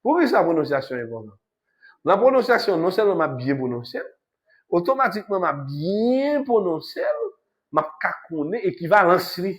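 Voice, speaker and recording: Man, Haitian accent, university lecture, repeats himself for emphasis, somewhat higher pitch. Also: big pitch swings, normal speed. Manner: switches between French and Haitian Creole, repetitive, emphatic. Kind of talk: classroom lecture.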